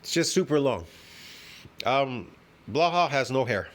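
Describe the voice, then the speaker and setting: A man's voice: medium pitch, animated, measured pace. A man in his fifties ranting in a reaction video from home, scornful and profane, constantly tossing in "man" and "bro.". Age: 50s. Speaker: fitness video host.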